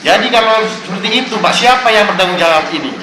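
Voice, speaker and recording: A man's voice: sits high, fast talker. A man, making an impassioned complaint at a council hearing and insistently addressing the officials as "Pak" after nearly every phrase. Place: council meeting room. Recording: echoey room with steady background noise.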